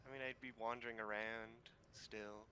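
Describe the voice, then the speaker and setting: A man's voice: on the low side, level tone, moderate pace, pushed and bright. A man playing a tabletop game, stating his moves in casual talk. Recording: faint background noise.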